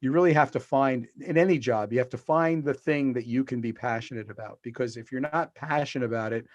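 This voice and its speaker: Here a middle-aged man, an author and podcast guest on a video call, tells long stories, stumbling over fillers and restarting often. His voice is medium-pitched, and the recording has no echo but loses its highs.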